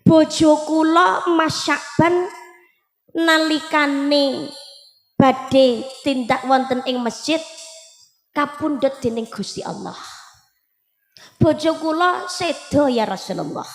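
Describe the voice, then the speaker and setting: A woman's voice: sits high, slow, vocal fry, pauses often, exaggerated voice. A woman voicing a humble grieving wife with a Javanese accent. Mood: pleading. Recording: echoey hall with faint music.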